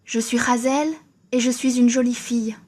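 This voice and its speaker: A woman playing a creepy old man in a torn pink dress, a raspy, wheedling voice that barely rises or falls, a bit higher than you'd expect. he's a nightmare villain from a cartoon horror story. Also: little pitch movement, moderate pace, darkish tone, lightly acted. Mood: menacing. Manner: menacing, wheedling.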